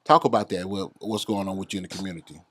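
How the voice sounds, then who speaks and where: A man hosts a podcast interview. He chimes in often and repeats his guest's words back with eager agreement. His voice sits a little low and sounds dry and close. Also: fairly even intonation, quick pace, a bit bright, no echo. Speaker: host.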